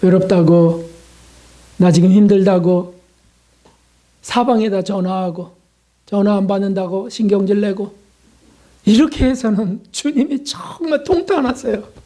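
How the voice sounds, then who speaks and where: Male pastor, warm dark voice, chatty sermon delivery that slips into acted prayers. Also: high-pitched, unhurried, pauses often. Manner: conversational preaching with rhetorical questions; acts out short prayers and dialogues.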